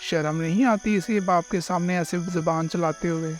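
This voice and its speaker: A man voicing a scheming, hot-tempered male thief bird who is a father, in a gruff, threatening manner. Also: high voice, fairly even intonation, moderate pace, lightly acted. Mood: gruff scolding. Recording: faint music behind the voice.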